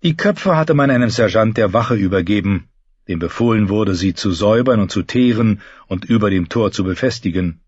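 Guy reading an audiobook, steady, kinda husky, dry muffled sound. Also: lowish voice, moderate pace, no room sound. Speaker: audiobook narrator. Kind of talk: scripted narration.

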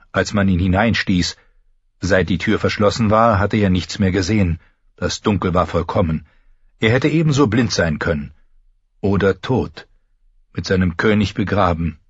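A man reading a fantasy novel aloud as an audiobook narrator, measured and somber, on a close mic. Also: low-pitched, slightly rough, dry recording, dull audio.

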